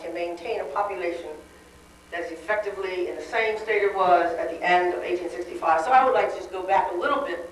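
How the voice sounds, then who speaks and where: A woman giving a wry, conversational dinner speech, heard on a worn VHS tape copy. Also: on the low side. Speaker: dinner speaker. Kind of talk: public speech. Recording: hissy worn tape, echoey hall from far off.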